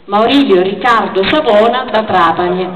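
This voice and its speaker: A woman's voice: mid-range voice, moderate pace. A woman presenting spontaneously at a live event. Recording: echoey hall from far off, crowd noise.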